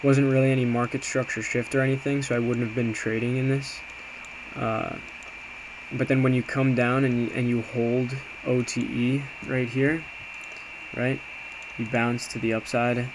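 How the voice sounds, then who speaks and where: Going through a screen, an amateur day trader casually reviews his trades, sounding hesitant, informal and self-reflective. His voice is medium-pitched and his pace measured. The clip is clear, with constant background noise.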